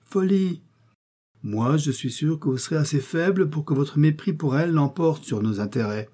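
A man reading the part of a scheming young woman who scornfully urges her brother to act fast. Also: on the high side, mellow, husky, voice pushed up.

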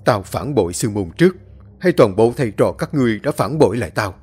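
A man's voice: mid-range voice, very animated, quick pace, a little mellow, slightly rough. A man voicing a bitter, hot-tempered young male sect disciple who speaks in a harsh, accusing, raised voice. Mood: resentful.

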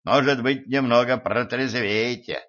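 A man reading an audiobook and voicing a scornful, cool-headed rich man who speaks slowly and mockingly. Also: medium pitch, a bit bright, natural voice. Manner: mocking, unhurried, emphatic. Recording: muffled lo-fi recording.

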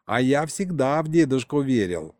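A man doing an excitable eager young crewman. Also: mid-range voice, moderate pace, dry recording, clean studio sound, lightly acted. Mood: excited. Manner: enthusiastic, squealing. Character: eager excitable young male crew member.

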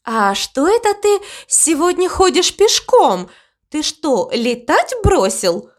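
A kindly mother cow who wonders about everything, her voice lifted high above the narrator's own, as a woman puts her on. She speaks slowly and warmly, with lots of lilt in every line. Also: very animated, heavily acted. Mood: curious. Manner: wondering, soft-hearted. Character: gentle curious mother cow.

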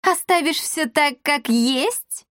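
A woman's voice: sits high, animated, slow pace, a bit bright, no room sound, clean studio sound, voice pushed up, exaggerated voice. A woman voicing a sly young witch girl. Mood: mocking.

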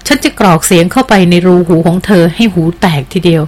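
Reading an audiobook, a woman voices a bold young woman who teases and insistently presses for answers. Her fairly low, expressive voice is slightly mellow and she talks fast.

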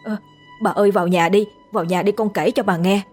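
A woman's voice: mid-range voice, steady tone, a little fast, a little mellow, soft background music, lightly acted. A woman voicing a frightened young village man who stammers in panic. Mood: uneasy.

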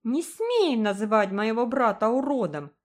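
A cheeky young girl from a storybook, sassy and quick to mock, high and pert, as a woman reads her. She talks back with relish. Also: big pitch swings. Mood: indignant. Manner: mocking, sassy.

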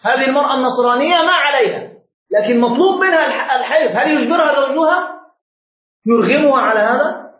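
A man's voice: extremely high pitch, fast talker, a bit bright. A man giving a classroom lecture as a religious teacher, quizzing his students with repeated questions. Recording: very echoey room, dull lo-fi sound.

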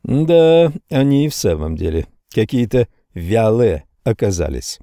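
A man's voice: on the low side, sing-song, unhurried, a little mellow, dry recording, studio quality. A male audiobook reader voicing a sluggish, evasive bond broker who mumbles his answers. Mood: mumbling.

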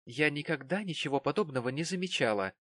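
A haughty young woman, voiced by a male reader, sulky and curt, with her voice pushed higher than his own. Her replies come short and indignant. Dry, close recording. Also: lively intonation, fast talker, fairly bright tone, dry recording.

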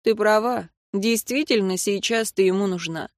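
A woman's voice: mid-range voice, moderate pace, no room sound, clean studio sound, close to an everyday voice. A woman reading a stern, bossy sister healer. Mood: stern, firm. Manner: firm, scolding.

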